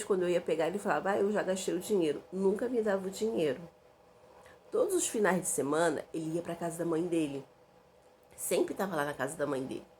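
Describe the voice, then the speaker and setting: Low gravelly woman telling a story. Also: a little mellow, a little hiss or hum. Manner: dramatic, emphatic retelling. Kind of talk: personal story narration.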